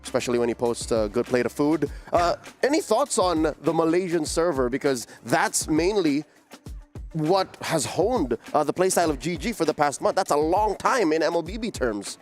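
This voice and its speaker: A man's voice: a little high, lively intonation, moderate pace. A man hosts an esports analyst desk and steers the talk with questions. His delivery is bantering and conversational. Faint music runs behind him.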